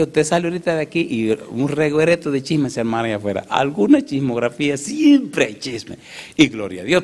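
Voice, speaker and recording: A male pastor preaching a sermon, telling a story and acting out its characters' voices. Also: medium pitch. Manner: animated, acts out the voices in his story. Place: church.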